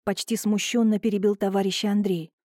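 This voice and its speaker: This is scripted audiobook narration by a woman with a mid-range voice, read in a measured and expressive way. The recording is clean studio sound without any room noise.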